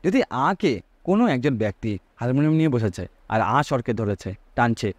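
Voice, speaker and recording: A man's voice: medium pitch, big pitch swings, a little fast, no echo. A man teaching a Sanskrit grammar lesson, asking his students rhetorical questions and drawing out vowel sounds to show their length.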